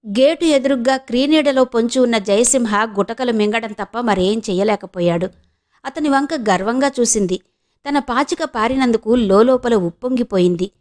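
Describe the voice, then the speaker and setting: A woman from Andhra Pradesh narrating an audio novel in a steady storytelling way. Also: a little high, moderate pace. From Andhra Pradesh, India.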